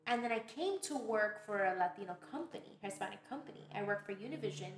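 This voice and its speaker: A woman from Brooklyn, a podcast guest telling stories in casual, animated chat. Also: mid-range voice, fast talker, slight background noise. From Brooklyn, New York. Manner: animated storytelling, laughs often. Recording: roomy echo.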